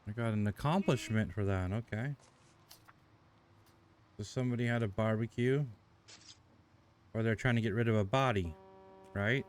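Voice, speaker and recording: A man's voice: fairly low pitch, moderate pace, pauses often, slight background noise. A man commenting casually on a game as he plays, with wry, sarcastic asides. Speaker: gamer playing and commenting.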